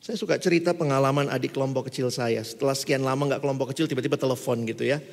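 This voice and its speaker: A man preaching a sermon, telling stories casually and then breaking into forceful exhortations. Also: mid-range voice, racing, vocal fry. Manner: lively, colloquial storytelling with sudden forceful exhortations. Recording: long hall reverb.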